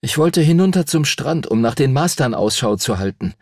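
A man's voice: mid-range voice, lively intonation, moderate pace, darkish tone, dry recording, studio quality, pitched above the performer's own voice, close to an everyday voice. Man doing an earnest young boy. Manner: reasonable, a bit defensive. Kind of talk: audiobook character voice.

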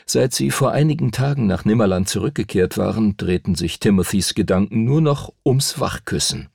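A man narrating a children's fantasy audiobook in an expressive storytelling manner. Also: fairly low pitch, moderate pace, creaky, husky, no echo, clean studio sound. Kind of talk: scripted narration.

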